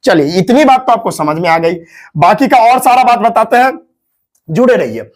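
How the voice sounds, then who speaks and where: A man's voice: high-pitched, very animated, normal speed. A man teaching chemistry in a casual classroom lecture, repeating himself and coaxing students to look and listen. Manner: repetitive, coaxing, keeps saying 'dekho' and 'thik hai'.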